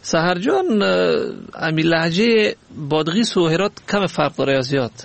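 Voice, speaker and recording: A man's voice: on the high side, very animated, vocal fry, no echo. A man hosting a radio call-in show, teasing and playful as he questions the callers. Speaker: radio host. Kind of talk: casual radio call-in chat.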